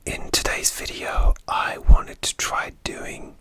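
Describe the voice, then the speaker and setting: A person whispering a gentle ASMR pep talk, confiding and a little hesitant, close to the microphone. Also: slow pace. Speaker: ASMR video host.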